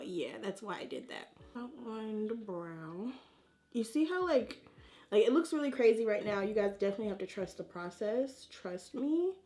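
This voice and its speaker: A woman with a mid-pitched voice gives a relaxed-format makeup tutorial. She talks informally to her viewers as she applies products, using plenty of slang and chatting as if to friends. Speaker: beauty vlogger.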